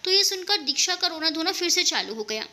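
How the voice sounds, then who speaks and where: Woman reading a bedtime story, high and bright, steady expressive telling. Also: a little fast. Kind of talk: storybook narration.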